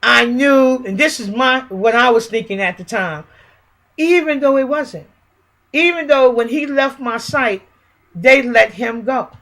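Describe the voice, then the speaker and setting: A woman's voice: a little high, unhurried, fairly bright tone. A middle-aged woman, a mother, recounting a police raid in an emphatic, rambling, colloquial way. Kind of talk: personal spoken account.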